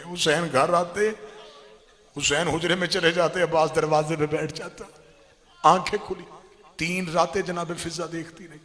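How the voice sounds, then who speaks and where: A man delivering an emotional sermon, telling a sacred story and swelling into loud, impassioned cries as he voices its figures. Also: fairly high pitch, long reverb tail. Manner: rising to loud impassioned wailing, voicing quoted figures. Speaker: religious orator.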